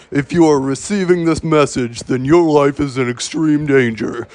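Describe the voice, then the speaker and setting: Stumbling and going back over phrases, a man acting as an official announcer works through a scripted mock emergency broadcast. His mid-range voice is a little mellow, and the recording is dry.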